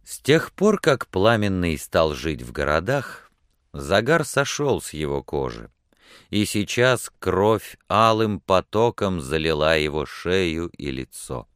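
A man reading a novel aloud in steady, scripted audiobook narration. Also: low voice, slow pace, smooth, dry recording, studio quality.

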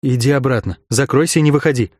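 A calm, firm young woman guiding lost souls, speaking softly yet with urgency, as a male audiobook narrator voices her. Her voice sits a touch higher than the narration, in a dry, close recording. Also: fast, no echo, close to an everyday voice. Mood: urgent. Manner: soft, steady and urgent.

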